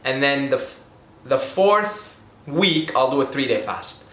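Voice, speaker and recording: Very animated yet measured in pace, a young Syrian vlogger with a medium-pitched, slightly bright voice talks casually to camera about money tips. He rambles earnestly, stops to restart, and keeps saying "okay?", in an echoey room.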